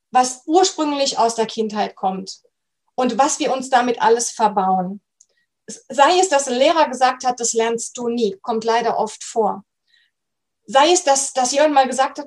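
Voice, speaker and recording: A middle-aged woman language coach giving a motivational webinar talk, emphatic and addressing the listener directly. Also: on the high side.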